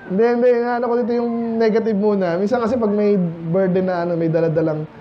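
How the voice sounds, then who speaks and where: A man's voice: sits high, quick pace, highs cut off, slight background noise. A man with a Filipino accent preaching a casual, joking midweek Bible study sermon to his congregation. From Philippines. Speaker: pastor. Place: church.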